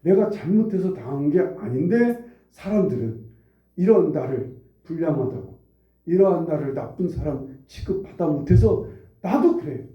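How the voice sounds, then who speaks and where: A man's voice: fairly high pitch, lively intonation, normal speed, roomy sound, recorded from a distance, lo-fi sound. A male pastor preaching a sermon, who repeats phrases for emphasis and asks the congregation questions. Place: church sanctuary.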